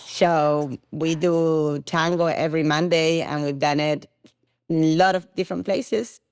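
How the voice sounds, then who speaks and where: A woman's voice: low voice, fairly even intonation, a little slow, darkish tone, clear, resonant tone, no echo, studio quality. A middle-aged woman from Argentina with an Argentine accent, a podcast guest talking casually and laughing often, with many "you know" fillers. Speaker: guest, tango studio founder.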